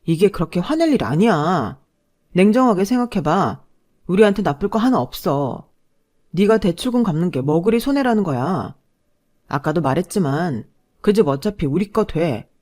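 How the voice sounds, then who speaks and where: A woman's voice: lowish voice, expressive, moderate pace, a little mellow. A woman voicing an entitled young man who lectures his fiancée dismissively. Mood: lecturing.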